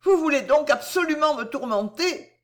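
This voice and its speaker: A woman's voice: animated, normal speed. Cécile, a distraught young lady, read by a woman. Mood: distressed. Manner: high, pleading and indignant. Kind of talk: audiobook reading.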